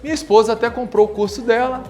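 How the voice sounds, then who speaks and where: A man in his forties giving a live classroom lecture, from Brazil, coaching students through exercises with lively repeated commands. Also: very high-pitched, fast talker, over loud music. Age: 40s. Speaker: physical education lecturer. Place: classroom with audience.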